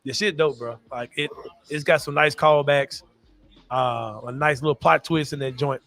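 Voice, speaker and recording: Bright-voiced, slangy male podcast host. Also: on the high side, steady tone, moderate pace, faint music behind. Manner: slangy, laughing, emphatic, says bro a lot. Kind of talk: casual sports and pop culture chat.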